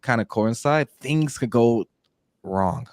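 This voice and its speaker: A man's voice: medium pitch, animated, slow, no echo, clean studio sound. A man co-hosting a podcast over a group video call, chatting casually in a loose, rambling way with many fillers and restarts. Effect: heard over a group video call. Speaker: podcast co-host. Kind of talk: casual chat.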